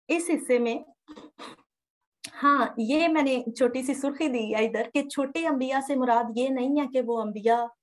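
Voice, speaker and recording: A woman giving a methodical Bible lesson from slides, repeating key terms as she explains. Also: fairly high pitch. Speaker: Bible teacher. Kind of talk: slide-based lecture.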